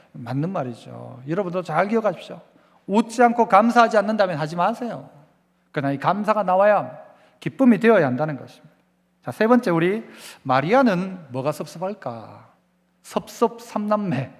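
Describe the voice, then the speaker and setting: A man's voice: high voice, fairly bright tone, in a large hall. A man preaching a Sunday sermon as pastor, asking the congregation questions and having them repeat lines after him.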